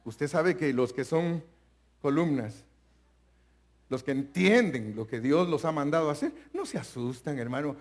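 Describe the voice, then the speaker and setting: An older man preaching a live church sermon as pastor, animated, often calling out to his listeners as brother and at times breaking into shouts. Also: fairly high pitch, a little slow. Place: church sanctuary.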